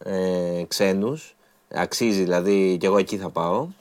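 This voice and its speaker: Man, deeper voice, young adult, chatty co-host, teasing, laughs easily. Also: steady tone, a little mellow. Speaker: co-host presenting event picks. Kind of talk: casual studio chat.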